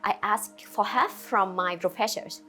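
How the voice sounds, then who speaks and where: This is a Vietnamese restaurant owner responding to interview questions, her non-native English simple, hesitant and dotted with fillers, her accent Vietnamese. Her mid-range voice has a sharp tone, with soft music in the background.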